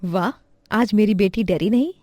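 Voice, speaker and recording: A woman voicing a soft, encouraging mother in a cartoon. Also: mid-range voice, moderate pace, dry recording, clean studio sound, lightly acted. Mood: caring. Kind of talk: cartoon voice acting.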